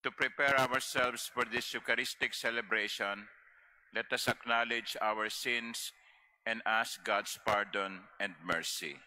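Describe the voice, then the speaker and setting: Bright-voiced priest at a pulpit microphone. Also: male voice, mid-range voice, steady tone, low-quality recording. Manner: measured, formal intoning of prayers. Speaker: priest presiding at Mass. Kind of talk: liturgical prayer recitation. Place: large cathedral.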